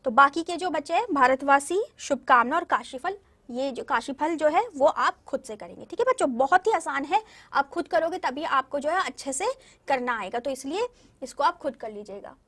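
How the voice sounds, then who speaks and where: High-voiced woman teaching young children. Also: a bit bright. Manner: patient, explains step by step, often checks with "theek hai na". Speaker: primary school Hindi teacher. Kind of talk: recorded classroom lesson addressing children.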